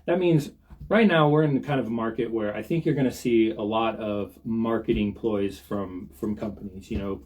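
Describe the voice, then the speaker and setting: A man's voice: on the low side, normal speed, a little mellow. American man giving folksy, casual advice. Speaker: show co-host and mortgage lender.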